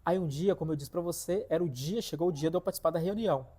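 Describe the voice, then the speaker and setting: Mellow-voiced man telling a story. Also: fairly high pitch, racing. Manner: animated, repetitive, addresses viewers directly. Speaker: vlogger telling a personal testimony. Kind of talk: casual spoken storytelling.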